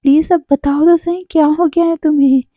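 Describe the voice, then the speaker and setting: A woman voicing a calm, patient young man who gently reassures his partner. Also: sits high, fairly quick, no room sound, lightly acted. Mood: soothing. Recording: dull lo-fi dry sound.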